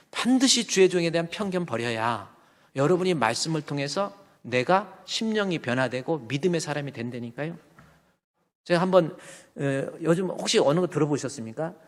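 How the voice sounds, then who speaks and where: High-voiced pastor in a reverberant church. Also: male voice. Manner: animated, colloquial, rising to loud emphatic bursts. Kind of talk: sermon. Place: church sanctuary. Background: long hall reverb.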